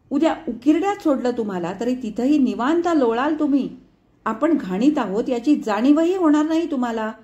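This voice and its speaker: A woman's voice: sits high, a little mellow, voice pushed up. A woman voicing a harried, angry middle-aged mother who scolds sharply and sarcastically in a told story.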